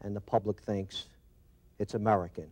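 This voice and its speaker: A man's voice: lowish voice, fairly even intonation, moderate pace, darkish tone. A middle-aged man with a Brooklyn accent talking conversationally as a company owner in a studio interview. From Brooklyn, New York. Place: TV studio set, indoors. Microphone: lapel mic.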